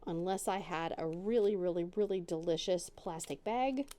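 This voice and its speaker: Sitting at her dining room table crafting, a middle-aged crafting channel host talks in a fairly low, dark voice at normal speed. She's chatty and rambling, often making self-deprecating jokes.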